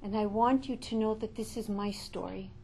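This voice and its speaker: A middle-aged woman giving an inspirational Torah talk, passionate, rising to loud calls and falling to hushed, slow reflection. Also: medium pitch, steady tone, gravelly, a little hiss or hum, poor audio. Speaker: religious speaker.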